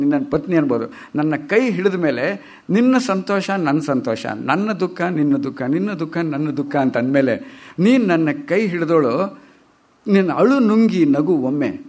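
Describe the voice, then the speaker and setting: A man giving a lively storytelling lecture on poetry and humor in a lecture hall, asking the audience questions. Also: a little high. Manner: chatty and animated, asks the audience questions. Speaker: speaker at a literary talk.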